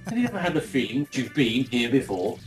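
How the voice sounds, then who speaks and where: A man's voice: medium pitch, very animated, brisk. A man from Shropshire, a drummer guest on a radio show, talking in a playful, jokey way over an internet call while his voice echoes back as if he were in a cave. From Shropshire, England. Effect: heavy cave-like echo bouncing his voice back. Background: music.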